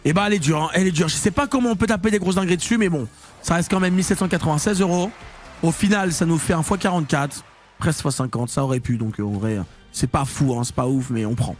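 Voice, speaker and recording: Excitable high-voiced male slot streamer. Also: fast talker, soft background music. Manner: excitable, slangy, swings between muttering and loud hype. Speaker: online casino streamer. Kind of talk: live slot-stream commentary.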